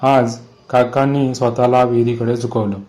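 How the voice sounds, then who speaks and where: A man narrating a scripted horror story in a measured, suspenseful way. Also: medium pitch, flat delivery, a little mellow, low-quality recording.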